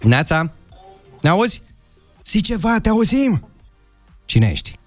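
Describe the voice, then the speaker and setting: A man's voice: high voice, very animated, soft background music. A man hosting a morning radio show, running a call-in game with playful banter and coaxing callers to speak up. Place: broadcast studio.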